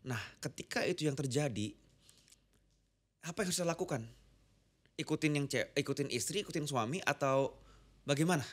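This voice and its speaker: A man's voice: fairly high pitch, a little fast, pauses often. A man hosting a podcast, listening attentively, summing up, and asking the next question. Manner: attentive, many short acknowledgements, summarizing. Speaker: podcast host. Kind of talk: casual podcast conversation.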